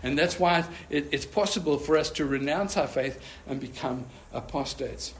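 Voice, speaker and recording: A man's voice: fairly high pitch, moderate pace, slight background noise. A man preaching a sermon as pastor, earnest and often restarting with fillers.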